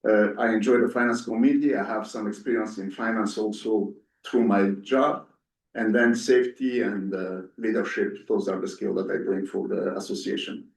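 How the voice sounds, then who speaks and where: Man, low voice, hesitant and earnest, candidate speech, echoey room, distant mic. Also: fairly even intonation, normal speed, vocal fry. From Ethiopia-born, raised in Italy. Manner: hesitant, many fillers, earnest. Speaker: board candidate. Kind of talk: candidate speech at a community meeting. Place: community meeting hall.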